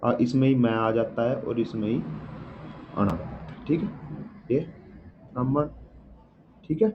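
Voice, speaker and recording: A Hindi exam teacher walks his students through a spelling lesson word by word, repeating each word, asking and answering his own questions, and checking in with "ठीक है". His mid-range voice moves at a measured pace, and the lo-fi recording is dull with faint room noise.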